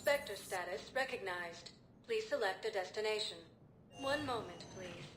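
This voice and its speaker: A woman voicing a calm, polite female station computer in a game, giving automated announcements with an echoing effect. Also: mid-range voice, a little slow. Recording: echoey and distant, game music behind.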